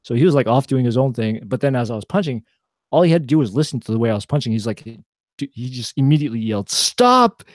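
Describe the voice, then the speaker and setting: A man's voice: mid-range voice, racing, mellow, dry recording, clean studio sound. A young man chatting casually on a podcast, rambling with many fillers and restarts. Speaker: podcast co-host. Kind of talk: casual chat.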